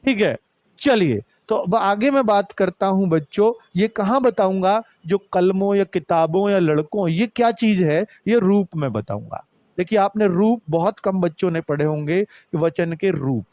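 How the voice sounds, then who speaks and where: A male teacher explains grammar to students he calls kids. His voice sits high and leaps up and down in pitch, with emphatic rises and low, drawn-out drops. The close mic gives a dry sound with no room echo. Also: darkish tone, muffled recording. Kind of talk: online exam-prep grammar lesson.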